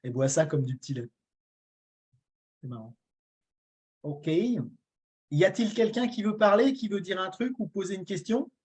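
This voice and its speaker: Casting: woman host, husky voice, casual chat in an online meeting. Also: mid-range voice, expressive, a little slow, pauses often, a little mellow.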